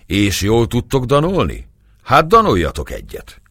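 A man's voice: medium pitch, huge pitch swings, a bit bright, breathy edge, no echo, clean studio sound, pitched above the performer's own voice, heavily acted. A man reading aloud and voicing a cheerful, commanding Turkish bey in a story. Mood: jovial. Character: jovial Turkish bey, middle-aged man.

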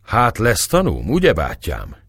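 Brief: man voicing a proud young male page, defiant and boastful, husky. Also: lowish voice, huge pitch swings, fairly bright tone, dry recording, pitched above the performer's own voice, exaggerated voice.

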